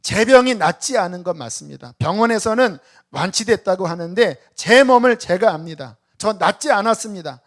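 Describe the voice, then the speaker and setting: A man's voice: high-pitched, lively intonation, normal speed, few pauses. A pastor voicing a humbled old man confessing. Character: humbled elderly man confessing, in his seventies. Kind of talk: sermon storytelling.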